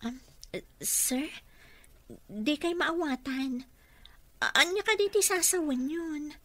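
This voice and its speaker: A woman's voice: high-pitched, expressive, slow, sharp tone, no room sound, full character voice. An actress playing a coy, flustered young female clerk being courted in an Ilocano radio comedy drama, full of questioning exclamations.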